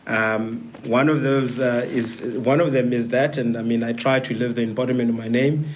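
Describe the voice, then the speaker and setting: A man with a South African accent talking casually and reflectively as an interview guest, in halting phrases. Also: medium pitch, steady tone, a little hiss or hum. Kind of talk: casual conversation.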